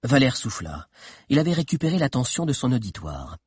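A man narrating a story expressively in an audiobook, with a husky voice. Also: mid-range voice, very animated, brisk, darkish tone, dry recording, studio quality.

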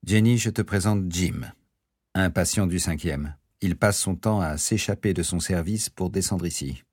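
A man voicing a calm wry doctor, deep and husky. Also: normal speed, no echo, clean studio sound. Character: male doctor, weary and wry. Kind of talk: audiobook character voice.

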